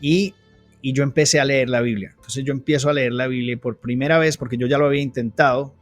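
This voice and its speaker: Male guest, earnest testimony storytelling, average pitch, soft music under. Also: steady tone, quick pace. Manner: earnest storytelling, frequent restarts. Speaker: guest telling his testimony. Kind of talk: personal testimony in an interview.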